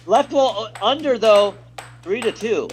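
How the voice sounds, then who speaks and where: Upbeat high-voiced American commentator. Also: male voice, lively intonation, takes it slowly. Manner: upbeat, reads viewer chat aloud between plays. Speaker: live stream commentator. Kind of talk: live play-by-play commentary and chat reading.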